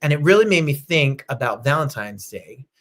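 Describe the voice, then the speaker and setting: A man's voice: mid-range voice, big pitch swings, moderate pace, fairly bright tone. A man hosting a casual livestream chat show from home, upbeat and chatty, greeting viewers by name. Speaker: host.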